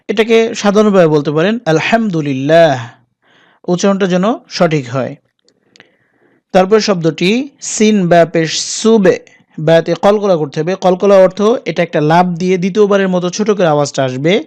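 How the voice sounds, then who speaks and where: Slow, drawn-out recitation teacher. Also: medium pitch, a little mellow. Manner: drawn-out, slow model pronunciations between brisk explanation; addresses viewers directly. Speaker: Quran pronunciation teacher. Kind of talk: spelling-out recitation lesson.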